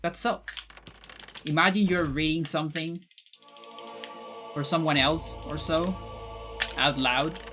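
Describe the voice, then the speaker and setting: A Chilean streamer, a native Spanish speaker with a Chilean accent, chats casually with viewers while gaming, musing aloud and restarting often. His voice is a little high, bright, and forceful.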